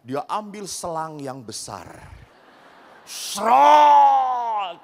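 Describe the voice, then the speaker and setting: Animated man preaching in an echoing hall. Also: measured pace. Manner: storytelling, acting out characters with shifting pitch. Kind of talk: humorous sermon to a large congregation. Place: large event hall with a big audience. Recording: reverberant large hall.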